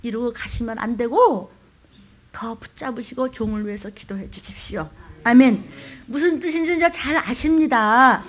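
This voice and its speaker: An older woman pastor delivers a dramatic sermon in a high, bright voice. She slips into the voices of scripture as she preaches and keeps calling on the congregation to answer her. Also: normal speed.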